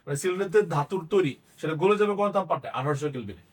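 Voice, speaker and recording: A man's voice: fairly high pitch, lively intonation, rapid-fire. A man teaching chemistry in a Bangladeshi Bengali accent, asking the class questions and answering them himself. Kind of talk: classroom lecture.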